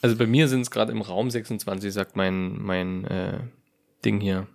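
A man's voice: fairly low pitch, little pitch movement, normal speed, gravelly, darkish tone. Podcast guy at home, jokey, laughs a bunch, casual chat. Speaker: podcast co-host. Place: warm room at home with a fan. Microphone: home microphone.

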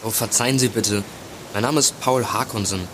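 A man's voice: on the low side, moderate pace, noisy background, close to an everyday voice. A man playing a polite young student journalist. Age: young adult. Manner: polite, hesitant. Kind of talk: radio play acting.

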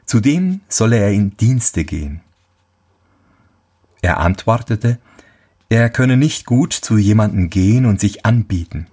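A man reading a fairy tale aloud with expressive, lively storytelling intonation. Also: on the low side, a little slow, pauses often, husky.

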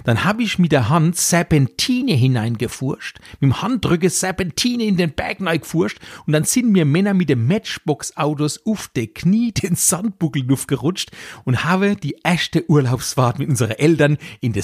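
Husky Kurpfalz-accented man in his sixties. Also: fairly high pitch, dry recording, clean studio sound. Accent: Kurpfalz dialect. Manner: rambling storyteller, addresses audience, dialect words. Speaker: comedian. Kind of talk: comic monologue.

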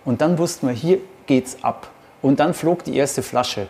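A man's voice: fairly high pitch, measured pace, a little mellow. A man, a podcast co-host and former reporter, telling a story with animation in casual chat.

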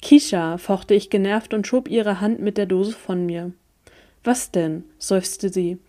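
A woman reading a first-person story aloud in steady, measured audiobook narration. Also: medium pitch.

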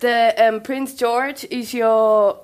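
A woman's voice: on the high side, steady tone, extremely slow, a little mellow. A woman with a Swiss German accent co-hosting a podcast, playful and joking as she acts out little scenes. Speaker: podcast co-host. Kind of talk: casual chat.

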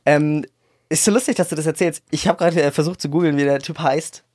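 A man with a slightly high voice co-hosting a casual podcast chat. He talks reflectively and often restarts while searching for words. The close microphone gives a dry sound. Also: fairly even intonation, fast, darkish tone, no echo. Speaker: podcast co-host.

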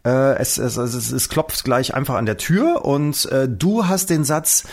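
Husky-voiced man telling jokes. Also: mid-range voice, measured pace. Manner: deadpan punchline telling, hesitant restarts. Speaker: podcast co-host. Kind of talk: joking casual chat.

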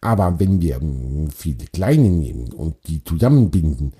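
A cheerful, hardworking beaver, played by a man, talks in an easygoing, kindly way in a children's story. His voice is very dark and mellow, with a husky grain. It sits low but moves lively. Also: normal speed, full character voice.

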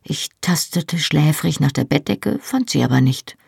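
Slow, gravelly woman reading an audiobook. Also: deep voice, no room sound, studio quality. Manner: calm, intimate first-person reading. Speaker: audiobook reader. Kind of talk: audiobook narration.

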